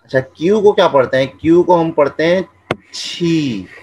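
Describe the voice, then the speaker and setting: A man teaching Chinese pronunciation, repeating each sound several times and explaining in a relaxed, conversational way. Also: on the high side, noisy background. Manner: drills each sound slowly, repeating syllables. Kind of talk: classroom-style language lesson.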